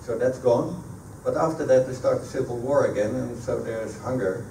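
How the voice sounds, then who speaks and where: A middle-aged Dutch sailor, a native speaker with a Dutch accent, answers audience questions as a guest speaker in a sailing club meeting room, often pausing mid-sentence. His voice is mid-range, creaky and mellow. He speaks into a handheld PA mic, but a camera across the echoey room picks him up, distant and noisy.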